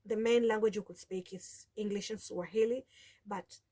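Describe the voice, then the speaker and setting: Her mid-range voice is mellow and steady, at a moderate pace, as this forties-aged Kenyan vlogger tells her story to camera. She is Taita from the coast, Taita being her first language, and her casual speech rambles with frequent restarts and "you know".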